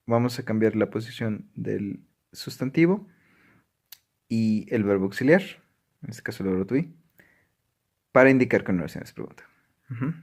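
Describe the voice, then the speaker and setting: A man's voice: medium pitch, a little mellow. Emphatic male language teacher. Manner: frequent "ujú" affirmations, emphatic. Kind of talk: explanatory lesson.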